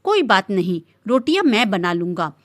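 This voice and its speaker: A woman's voice: mid-range voice, big pitch swings, normal speed, close to an everyday voice. A woman voicing a stern, protective male police officer who speaks firmly and reassuringly in a storybook reading. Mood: firm, gentle.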